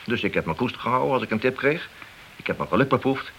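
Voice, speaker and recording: In a radio play, a man acts as an ambitious, glory-seeking policeman, insistent and persuasive, with a coaxing, boastful mood. His medium-pitched voice is expressive, quick and fairly bright. It is an old, low-quality radio recording with hiss.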